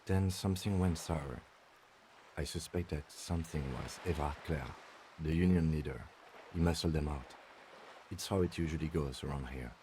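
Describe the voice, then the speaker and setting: Game police lieutenant, calm, reserved, dry, understated, very deep voice, faint hiss. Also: male voice, moderate pace.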